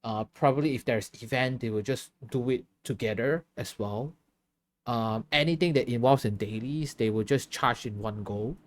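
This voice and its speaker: A man's voice: medium pitch, normal speed. A tired man chatting casually while streaming a game, laughing often and answering his chat.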